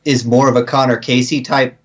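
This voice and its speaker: A man's voice: medium pitch, flat delivery, brisk. A man co-hosting a podcast, chatting bluntly and casually about soccer. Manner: blunt, laughs often. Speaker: podcast co-host. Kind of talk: casual sports chat.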